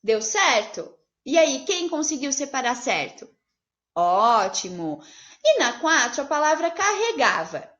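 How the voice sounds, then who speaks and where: A woman teaching a remote primary class, speaking in slow, sing-song teacherly phrases and spelling out words syllable by syllable. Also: a little high, a bit bright, muffled recording.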